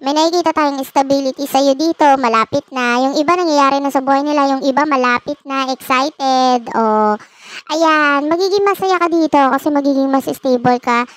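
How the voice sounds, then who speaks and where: A woman's voice: high voice, moderate pace. A woman hosting a casual tarot reading, playful and teasing, laughing often at her own jokes. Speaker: tarot reader and channel host.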